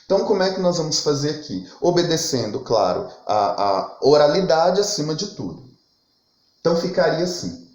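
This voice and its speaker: A man teaching a literature lesson, reading verse lines aloud and counting syllables in a slow, methodical way. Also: fairly high pitch, big pitch swings, darkish tone, muffled recording. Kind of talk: recorded lesson explaining poetic meter. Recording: echoey room.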